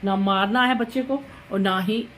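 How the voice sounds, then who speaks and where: Animated woman vlogging from an echoey kitchen. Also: medium pitch, normal speed, very noisy. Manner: animated, retells her own words with rising emphasis. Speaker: vlogger, mother. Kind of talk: casual vlog storytelling. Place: home kitchen while cooking.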